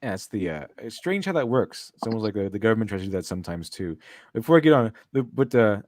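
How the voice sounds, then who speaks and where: A man's voice: lowish voice, very animated, fast talker, a little mellow, no echo. A man co-hosting a livestream, reading chat and mocking critics in a sarcastic, laughing way, with a dry close sound. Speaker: streamer and co-host.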